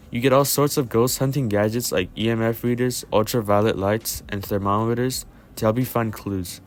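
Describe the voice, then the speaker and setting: A man hosting a video game review, reading scripted narration in the manner of an online reviewer. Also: fairly low pitch.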